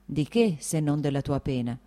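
A woman voicing a caring older married sister who speaks in an earnest, soothing and measured way. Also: sits low, expressive, warm tone.

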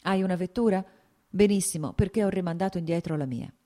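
A woman voicing Stepan, a cheerful, worldly middle-aged gentleman, in an audiobook reading, sounding breezy and confident. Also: on the low side, quick pace, natural voice.

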